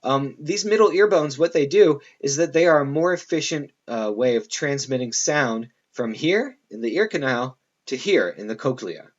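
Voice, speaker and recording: A man's voice: medium pitch, expressive, moderate pace, hardly any pauses, muffled recording. A man giving a classroom lecture in a loose, conversational way, full of fillers and asides to his students.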